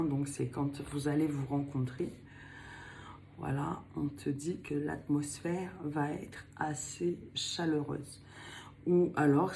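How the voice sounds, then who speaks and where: A woman's voice: lowish voice, a little hiss or hum. Chatty older woman giving a tarot reading. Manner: chatty, playful, laughs often, slips into a put-on accent. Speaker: tarot card reader. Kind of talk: casual tarot reading to camera.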